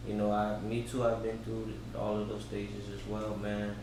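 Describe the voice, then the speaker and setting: A man hosting a casual interview, relaxed and encouraging, who keeps repeating short affirmations. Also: lowish voice, moderate pace. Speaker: interviewer, host. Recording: echoey room, mic far off, background hum.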